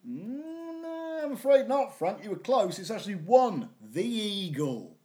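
A man plays a cheeky female mature student with a slightly high, very lively voice that leaps around. She teases in a dry, deadpan way, constantly needling her teacher in this improvised comedy sketch. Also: measured pace. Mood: cheeky, sarcastic. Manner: deadpan, teasing, ends lines with a name.

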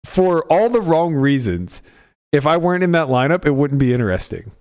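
A man's voice: on the high side, very animated, normal speed, a little mellow, clear, resonant tone. A man talking casually on a podcast, ranting with sarcasm about poker. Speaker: podcast regular, poker pro. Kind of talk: casual chat.

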